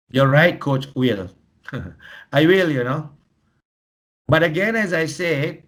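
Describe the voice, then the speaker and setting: Man, Malaysian English accent, workshop presenter, humorous storytelling, mixes in Malay. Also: medium pitch. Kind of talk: lively teaching talk.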